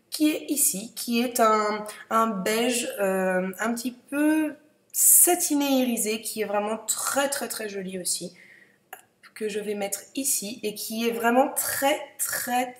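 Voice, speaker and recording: A young woman chatting casually through a makeup swatch review, hesitant, with many fillers and repeated words. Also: fairly high pitch. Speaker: beauty vlogger. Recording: echoey room.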